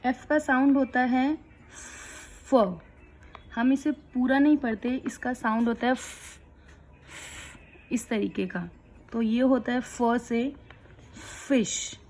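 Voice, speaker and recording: A woman teaching young children letter sounds, explaining each one slowly and clearly. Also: a little high, steady tone, darkish tone. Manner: slow, clear, patient explaining. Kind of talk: kids' phonics lesson.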